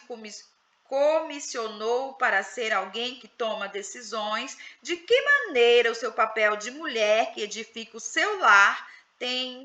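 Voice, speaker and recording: A woman's voice: on the high side, pushed and bright. A Brazilian woman, a psychoanalyst, leading a casual women's group discussion online, asking questions and coaxing others to speak.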